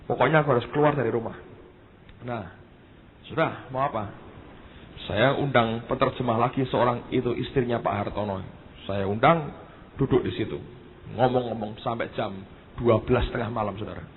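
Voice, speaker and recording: A man's voice: medium pitch, moderate pace, long pauses. A male pastor, preaching a sermon as a story and often addressing the congregation directly. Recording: tinny phone-like sermon recording.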